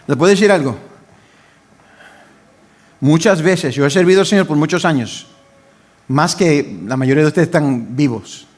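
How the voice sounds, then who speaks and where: An older man preaches from the pulpit with fervour. His voice sits a little high, rising into loud pleading and dropping into quiet asides to his congregation. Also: normal speed, long pauses. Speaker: pastor. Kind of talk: sermon.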